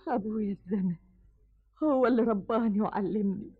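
A woman's voice: medium pitch, fairly quick, slightly rough, lightly acted. An actress playing a defiant, bitter young orphan girl with an Egyptian accent, accusing her father in an old radio drama. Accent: Egyptian Arabic. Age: young adult. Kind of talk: 1970s radio drama acting. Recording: dull old radio recording.

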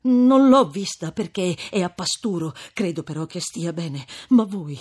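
Young peasant lover, desperate and insistent, put on by a woman narrator; breathy, lively storybook delivery. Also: lowish voice, measured pace. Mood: urgent pleading. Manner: urgent, heated, pleading.

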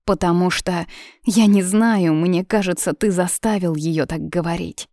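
Woman voicing a stubborn young woman, pleading, low voice, gravelly edge, audiobook. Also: a little slow, mellow, no echo, clean studio sound. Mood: accusing. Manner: pleading, breaking voice.

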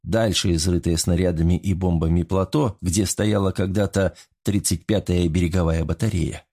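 Low-voiced man reading an audiobook. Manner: steady, measured storytelling. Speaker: audiobook narrator. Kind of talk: scripted narration.

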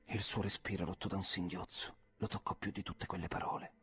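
A man reading a classic novel aloud, with a measured and expressive delivery. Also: low-pitched, slightly rough, dry recording. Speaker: reader. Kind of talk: audiobook narration.

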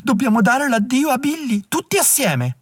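A man's voice: very high-pitched, big pitch swings, normal speed, dry recording, studio quality, pitched above the performer's own voice, full character voice. A man doing a wailing, tearful poor mother. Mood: reproachful. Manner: wailing, pleading.

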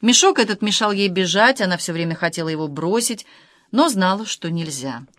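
A woman narrating an audiobook in an expressive, ironic manner. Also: lowish voice, fairly quick, dry recording, clean studio sound. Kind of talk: scripted narration.

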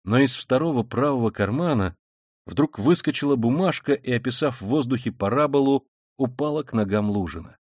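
A man narrating a literary audiobook with an expressive, dramatic delivery. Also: medium pitch, fairly quick, dry recording, studio quality. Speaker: audiobook reader.

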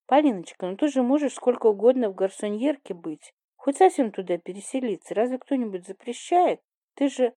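A woman reads an earnest young schoolteacher who cannot make up her mind. Her tone is warm and dark, her delivery hesitant and anxious. The sound is dry and close. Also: fairly high pitch, lively intonation, fairly quick, no room sound. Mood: worried.

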